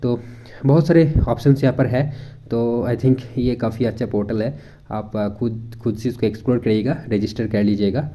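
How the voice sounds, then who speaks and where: A young man from India talks viewers through a website in an easygoing, conversational way. His voice is very dark and mellow. He thinks aloud as he goes, mixing Hindi and English and pausing on fillers. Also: medium pitch. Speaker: education YouTuber. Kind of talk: casual screen walkthrough.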